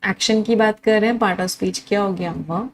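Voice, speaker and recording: With fairly even intonation and a moderate pace, this young adult woman's mid-range voice carries an Indian English accent. Her exam-prep vocabulary lesson switches between Hindi and English while she repeats words and quizzes the viewer.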